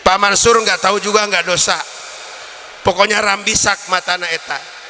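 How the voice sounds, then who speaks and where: Male preacher, comic storyteller, bright gravelly voice, long hall echo. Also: high voice, steady tone, normal speed, a little hiss or hum. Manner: joking storyteller, shifts between Indonesian and Sundanese. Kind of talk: comic religious sermon. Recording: reverberant hall.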